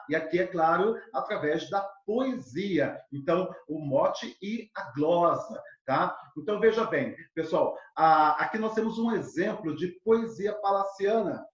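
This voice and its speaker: A male literature teacher gives a lively exam-prep lesson, full of fillers and speaking straight to his students. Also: high voice. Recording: echoey, dull lo-fi room sound.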